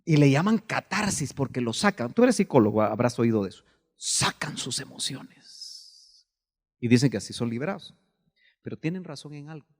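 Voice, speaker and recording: Guatemalan pastor preaching with sudden shouts. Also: male voice, medium pitch, expressive, quick pace, in a large hall. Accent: Guatemalan Spanish. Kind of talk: sermon.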